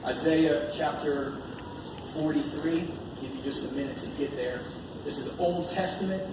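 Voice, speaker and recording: Preaching with earnest informality, an American man explains the scripture he reads and keeps repeating key phrases to emphasize them. He speaks at a moderate pace in a voice on the high side. The distant microphone catches the echo of a large indoor church meeting space along with background noise.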